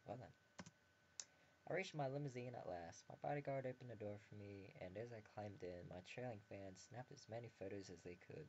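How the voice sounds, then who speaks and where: A game video host with a lowish, slightly mellow voice reads a visual novel a little fast, keeping narration and dialogue mostly plain. He tosses in joking comments between passages. Faint background ambience runs through the dull, lo-fi home recording.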